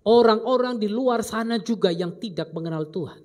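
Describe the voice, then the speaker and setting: A man preaching a sermon as pastor, delivering emphatic commands and then dropping into low asides. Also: moderate pace, a little mellow.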